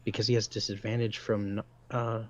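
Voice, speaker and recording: A man's voice: fairly low pitch, level tone, normal speed, a little mellow, dull audio. A man acting as game master of a tabletop game, explaining rules in an easygoing way with lots of fillers. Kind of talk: running a tabletop game, casual. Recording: faint room noise.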